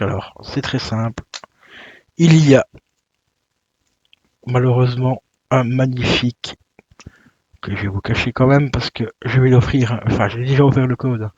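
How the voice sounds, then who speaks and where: A man's voice: mid-range voice, breathy edge, no room sound, lo-fi sound. A man chatting casually while he unboxes a video game, with lots of fillers and self-corrections. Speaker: YouTuber unboxing video games.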